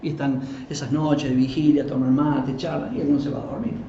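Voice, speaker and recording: A man who is a pastor, giving a live Bible teaching in a conversational, animated way and acting out quoted voices. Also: medium pitch, brisk. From Argentina. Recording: roomy, dull live recording with faint noise.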